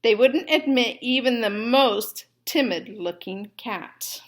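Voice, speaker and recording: A woman reading a children's story aloud and explaining it like a teacher, in a deliberate way. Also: a little high.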